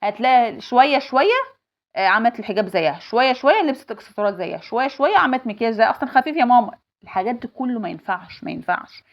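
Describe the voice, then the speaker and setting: A woman's voice: fairly high pitch, animated, racing, lo-fi sound. A woman in her forties with an Egyptian accent, giving insistent advice to other mothers and repeating her points emphatically.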